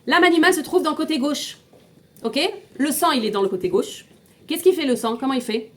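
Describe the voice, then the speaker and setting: A woman's voice: high voice, animated, fairly quick, a bit bright. A woman teaching an informal class, explaining step by step, asking her students questions and often restarting and repeating words. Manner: mixes in Hebrew terms.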